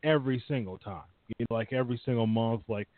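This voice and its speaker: A man's voice: medium pitch, fast, no room sound. A man calling in over the phone, chatting casually and rambling with lots of filler words. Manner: rambling, heavy on "uh" and "you know". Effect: over the phone, line cutting in and out. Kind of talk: casual wrestling chat. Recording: thin phone line, dry.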